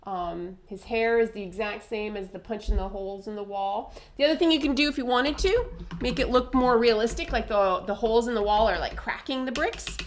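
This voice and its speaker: A young woman chatting her way through a face painting tutorial, upbeat and a little hoarse. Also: a little high. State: slightly hoarse.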